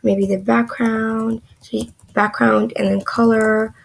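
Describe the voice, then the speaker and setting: Her slightly high, gravelly voice comes out flat and slow as this young woman teaches beginner coding in a casual screen recording. The lesson is chatty and loose, with "um" and frequent "like."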